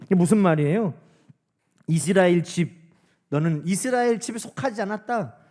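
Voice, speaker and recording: High-voiced, animated pastor preaching. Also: male voice, moderate pace. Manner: animated, acts out quoted speech. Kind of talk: sermon. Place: church.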